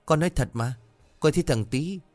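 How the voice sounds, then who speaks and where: A man's voice: fairly high pitch, a little fast, dry recording, soft background music, pitched above the performer's own voice, close to an everyday voice. A man voicing a timid, curious young village boy who asks frightened, pleading questions. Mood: anxious.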